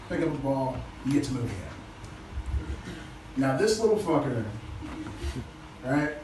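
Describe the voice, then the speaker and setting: Man doing crude stand-up on a muffled, low-quality stream. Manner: casual, crude, chuckles at his own jokes. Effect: low-quality stream audio. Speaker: stand-up comedian. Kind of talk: stand-up comedy set. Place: small comedy club stage. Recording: echoey low-quality stream from far off with noise.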